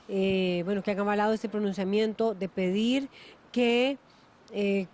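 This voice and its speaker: A woman from Costa Rica with a Costa Rican Spanish accent, hosting a morning news interview and asking a phone guest questions in a measured, conversational way. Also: mid-range voice, darkish tone, slight background noise. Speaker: morning news show host. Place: TV studio.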